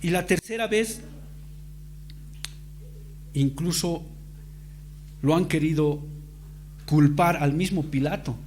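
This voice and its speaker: A man's voice: a little high, slow, pauses often, a little mellow, slight background noise. A man preaching a sermon, emphatic and fond of repeating phrases for weight. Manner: emphatic, dramatizes quoted dialogue.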